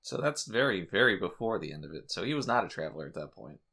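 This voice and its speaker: A man hosting a podcast, his voice bright and forward. He talks in loose, casual chat, joking around and swearing freely. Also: deep voice, sing-song, fast talker, vocal fry. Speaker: podcast host.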